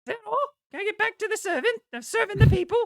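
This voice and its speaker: A woman's voice: extremely high pitch, animated, racing, vocal fry, no room sound, pitched above the performer's own voice, heavily acted. A woman voicing a hearty, folksy male innkeeper in a tabletop role-playing game. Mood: busy, cheerful. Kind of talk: tabletop role-play character voice.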